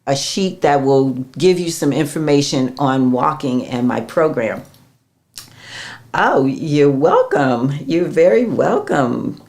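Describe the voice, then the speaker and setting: A middle-aged woman coach talks through exercise tips on a casual live stream, her voice low-pitched. She speaks at a slow, easygoing pace, stopping to answer viewers' comments with a laugh. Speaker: host and fitness coach.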